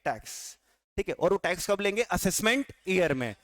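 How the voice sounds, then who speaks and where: A man's voice: high-pitched, animated, moderate pace, fairly bright tone, no echo. A man teaching a tax law class with an Indian accent, quizzing students and answering his own questions. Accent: Indian English. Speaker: tax lecturer. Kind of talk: classroom lecture.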